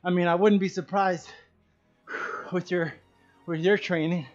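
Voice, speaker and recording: A man teaching a martial arts kicking class, counting reps loudly and chatting and joking with students between sets. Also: high voice, fairly even intonation, a little slow, lo-fi sound, soft background music. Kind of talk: leading a live kicking workout class.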